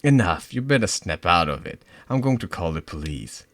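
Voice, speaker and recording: In a deep, sing-song voice at normal speed, a man plays a scared, injured teenage schoolgirl in distress. The character stammers and begs, building up to shouting. There's no echo on the recording.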